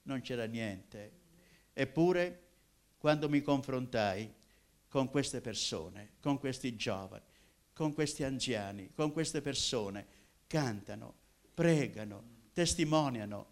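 An older man from Apulia, a minister giving his personal testimony in an emotional way, swinging from loud cries to hushed tones. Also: medium pitch, animated, slow. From Apulia, southern Italy.

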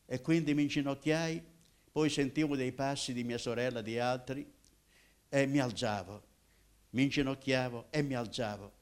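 A man's voice: mid-range voice, normal speed. Older man giving emotional testimony. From Apulia, southern Italy. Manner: emotional, swinging from loud cries to hushed tones. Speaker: minister. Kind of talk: personal testimony.

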